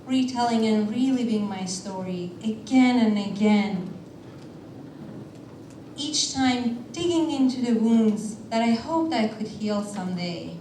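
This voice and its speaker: A woman from Iran telling a personal story on a theater stage in a measured way, with deliberate pauses. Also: medium pitch, dark tone, a little hiss or hum. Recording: roomy theater sound from a distance.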